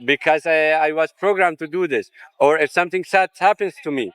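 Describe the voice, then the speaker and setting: A man's voice: a little high, fairly quick, a bit bright. A man who is not a native English speaker, with a foreign accent, debating casually and searching for words. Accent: non-native English. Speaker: debater in a street interview.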